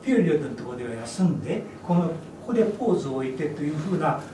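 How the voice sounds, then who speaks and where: A man's voice: a little high, big pitch swings, quick pace. A man leading an English speech workshop, lecturing energetically and breaking into English demonstrations. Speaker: workshop instructor. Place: event hall. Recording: echoey hall from far off, noisy.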